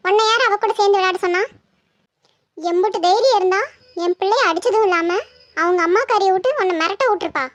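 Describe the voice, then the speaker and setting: A woman voicing a fiery young village mother with a Tirunelveli Tamil accent, quick to quarrel and scold, in a cartoon. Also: very high-pitched, no room sound. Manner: combative, scolding. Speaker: daughter-in-law. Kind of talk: cartoon voice acting.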